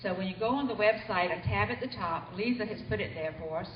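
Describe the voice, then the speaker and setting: A woman's voice: mid-range voice, fast, a little hiss or hum. Woman announcing in a roomy meeting hall. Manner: chatty, informal. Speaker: training coordinator. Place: hotel meeting room. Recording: distant, roomy, dull hall recording.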